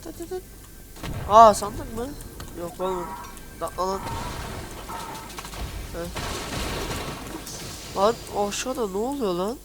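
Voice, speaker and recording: A woman's voice: mid-range voice, lively intonation, slow, long pauses. A woman giving casual gameplay commentary, muttering to herself, swearing, and breaking into sudden yelps. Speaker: gamer. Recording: game sounds loud behind the voice.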